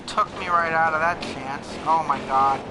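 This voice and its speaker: A man hosting a gaming video, giving casual, excitable commentary that talks through every moment of his play. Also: a little high, moderate pace. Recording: clear engine noise under voice. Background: racing game car engines.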